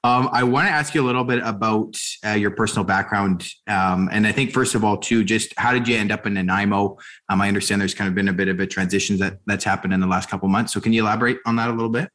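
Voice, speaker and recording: A man with a lowish voice hosts an interview and talks quickly. His questions ramble, with many fillers and restarts along the way. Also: fairly even intonation, fairly bright tone. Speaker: interviewer host.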